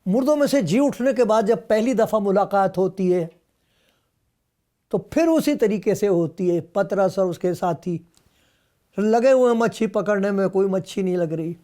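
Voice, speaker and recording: A man's voice: high voice, warm tone. A male pastor preaching a sermon, retelling scripture and acting out the dialogue in the scenes, at times rising to emphatic outbursts. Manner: storytelling, acting out dialogue between Jesus and Peter.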